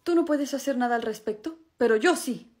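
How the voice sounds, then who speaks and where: A woman's voice: sits high, fairly quick, darkish tone, close to an everyday voice. A woman playing a lovestruck, cocky young man, suave and melodramatic, in a comedy skit. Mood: determined.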